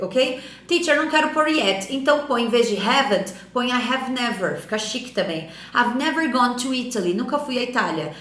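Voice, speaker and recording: A Brazilian English teacher with a Brazilian Portuguese accent and a slightly high voice gives a lively, emphatic classroom explanation in a roomy-sounding space. She slows down to model English phrases.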